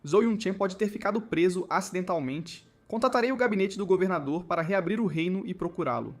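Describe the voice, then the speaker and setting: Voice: mid-range voice, a little fast, natural voice. A narrator doing a fawning old school principal. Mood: anxious. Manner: eager and ingratiating.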